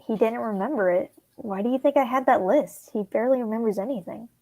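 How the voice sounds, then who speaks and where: A woman voicing a worried teenage boy, reading a fan script aloud in an earnest, hushed way. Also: fairly high pitch, fast talker, no echo. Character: worried teenage boy confiding about a friend.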